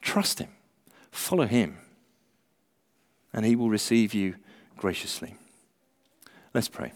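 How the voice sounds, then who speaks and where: A man's voice: fairly low pitch, lively intonation, takes it slowly. A man preaching an evangelistic sermon, earnest and urgent, with rhetorical questions and repeated phrases. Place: large church or hall, preaching live. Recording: echoey hall with long reverb.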